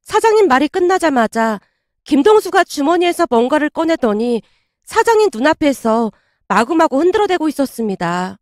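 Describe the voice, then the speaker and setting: A woman telling a dramatic first-person story from a script. Her voice is high and swings widely, recorded dry and close. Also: very animated, normal speed, no echo. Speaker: narrator.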